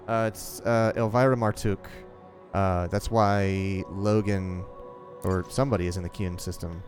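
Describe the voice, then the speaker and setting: A man chatting casually while streaming a space game with friends, halting with many fillers and restarts. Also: fairly low pitch, expressive, a little mellow. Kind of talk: casual gaming chat. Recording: music playing behind the voice.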